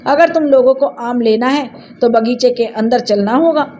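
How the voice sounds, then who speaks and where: A spirited village teenager, as a woman storyteller puts her on, headstrong and playful, who coaxes and teases her friends. Her voice sits a touch high with a soft, mellow tone. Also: moderate pace, slight background noise, close to an everyday voice. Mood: eager. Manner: coaxing, cheeky.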